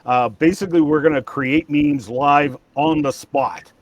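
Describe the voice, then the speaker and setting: A man's voice: fairly high pitch, fairly even intonation, a little slow, dry recording. Chatty man hosting a livestream. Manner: rambling, restarts, frequent laughter. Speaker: livestream host. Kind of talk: casual livestream chat.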